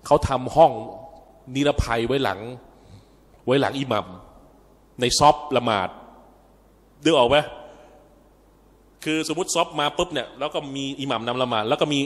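A man with a Thai accent delivers an informal religious lecture to a mosque congregation. He talks in a chatty, conversational way, full of asides, and often calls his listeners brothers and sisters. His mid-pitched voice carries a long, lingering reverb from the hall. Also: moderate pace, long pauses, slightly rough. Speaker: Islamic religious teacher.

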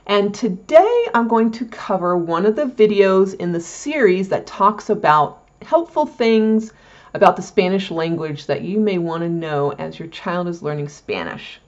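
Woman teacher, chatty step-by-step explainer, medium pitch, muffled lo-fi audio. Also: lively intonation, unhurried, darkish tone. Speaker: Spanish teacher for parents. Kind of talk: casual explanatory lesson.

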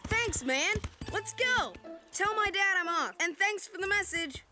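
A woman's voice: extremely high pitch, animated, unhurried, over music. A woman voicing an easygoing teenage boy in a cartoon, casual and laid-back with a slight grumble. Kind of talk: animated series voice acting.

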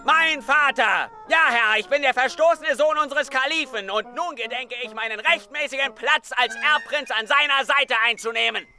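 A man voicing a pushy impostor who claims to be the caliph's heir in a cartoon dub, shouting and insistent. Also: very high voice, moderate pace, hardly any pauses, soft background music, exaggerated voice.

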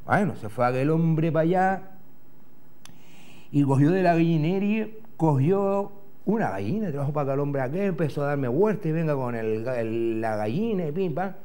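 Speaking in a slightly high, dark, clean voice at normal speed, this animated middle-aged host from Gran Canaria delivers a comic monologue in character with a Canarian Spanish accent. He swears and does the voices of others, wearing a lapel mic in a TV studio in front of a backdrop.

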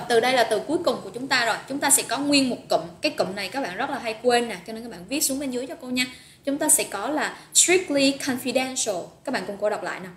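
In a fairly high, somewhat bright voice, a woman energetically teaches English words online in real time, naming and praising her students while practicing pronunciation with them. Faint noise and room echo are audible.

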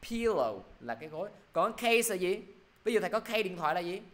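A man teaching an English pronunciation class, drilling words slowly and checking in with students over and over. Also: sits high, very animated, fairly bright tone. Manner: repeats "được chưa" constantly, drills words slowly.

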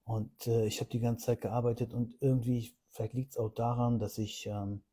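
A man's voice: medium pitch, warm tone, breathy edge. A middle-aged man, a health coach on holiday, casually explaining things in a chatty way, with rhetorical questions and repetition.

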